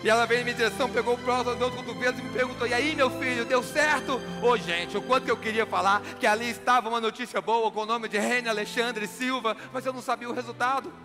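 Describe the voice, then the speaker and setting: Animated high-voiced man. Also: very fast, few pauses. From Brazil. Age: 30s. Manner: animated, acts out dialogue. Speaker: motivational speaker. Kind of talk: dramatic motivational storytelling. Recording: background music.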